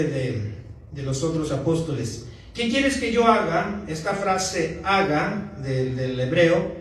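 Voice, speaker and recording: High-voiced man preaching in an echoey church. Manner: conversational preaching, often asking the congregation "¿verdad?". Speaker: pastor. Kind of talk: sermon. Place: church sanctuary. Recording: echoey church hall from far off.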